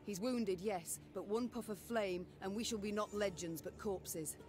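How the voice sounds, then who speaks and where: A man's voice: high-pitched, over music, pitched above the performer's own voice. A man doing a stern woman warrior. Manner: measured, cautionary. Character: stern, level-headed woman warrior queen.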